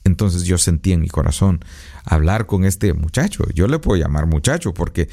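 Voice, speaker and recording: Radio preacher, male, 50s: very deep and gravelly, earnest pastoral delivery, studio booth. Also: lively intonation, moderate pace, warm tone. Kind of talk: radio devotional sermon. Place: recording booth. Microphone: studio microphone.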